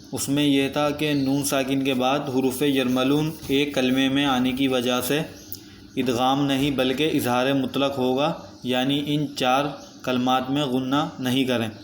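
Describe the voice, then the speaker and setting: Even-toned man teaching recitation rules. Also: medium pitch. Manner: patient, methodical explanation that repeats each rule. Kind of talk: step-by-step tajweed lesson. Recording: echoey room with faint background noise.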